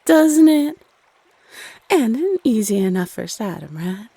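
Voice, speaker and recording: A woman's voice: fairly high pitch, sing-song, measured pace, dark tone, slightly rough, no room sound, heavily acted. A woman playing a playful, teasing Cupid, a bossy love goddess who chats sassily and uses pet names in an audio roleplay. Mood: playful, enthusiastic. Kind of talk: scripted audio roleplay addressed to the listener.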